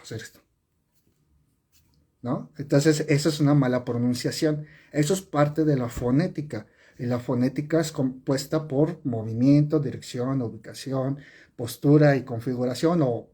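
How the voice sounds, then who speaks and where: A man with a warm, husky, medium-pitched voice explains sign language step by step over a live stream. He often repeats and corrects himself, filling his speech with fillers, and is captured on a phone or webcam mic.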